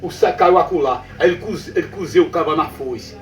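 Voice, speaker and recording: A man with a Northeastern Brazilian accent tells a backlands ghost tale in a rather high voice, going back over his own phrases and checking in with his listener. He sounds a little far from the mic in a roomy space, with faint music underneath. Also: brisk. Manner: repetitive, checks in with the listener often. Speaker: storyteller. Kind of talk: spoken folk tale told to a listener.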